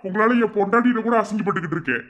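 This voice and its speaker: A man with a Madurai Tamil accent voicing a young village brother and husband in an animated family cartoon, grumbling and scolding. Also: high voice, racing, muffled recording. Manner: grumbling, scolding then soothing.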